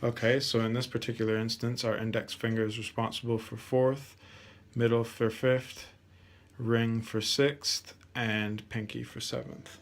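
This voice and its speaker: A man's voice: mid-range voice, flat delivery, a little slow, slight background noise. A man teaching a guitar lesson, patiently counting out scale steps aloud. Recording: guitar playing between lines.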